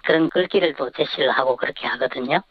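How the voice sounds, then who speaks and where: An anonymous radio interview guest whose voice is disguised with a voice changer, giving halting, measured, careful answers. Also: mid-range voice, creaky, dry recording. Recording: dull lo-fi disguised line.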